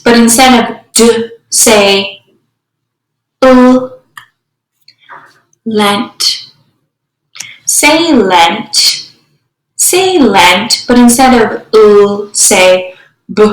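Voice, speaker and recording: A woman teacher leading a phonics drill, slowly and deliberately sounding out each part of a word. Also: fairly high pitch, fairly bright tone. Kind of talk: slow phonemic awareness drill for young students. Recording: echoey room.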